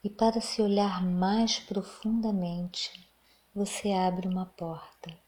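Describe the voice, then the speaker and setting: A woman with a Brazilian accent leads a guided meditation in a soft, breathy, near-whispering, soothing voice. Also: mid-range voice, fairly even intonation, takes it slowly.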